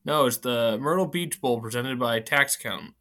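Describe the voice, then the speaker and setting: A man co-hosts a sports podcast, trading excitable, teasing banter at a moderate pace. His medium-pitched speech sounds slightly slurred, as if his mouth were numb.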